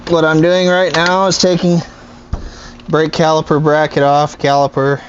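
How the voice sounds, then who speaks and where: Man co-hosting a DIY truck repair vlog, slightly higher voice, dry joking delivery, garage setting. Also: level tone, measured pace, lo-fi sound, noisy background. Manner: joking, wry banter while working. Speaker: co-host of a repair channel.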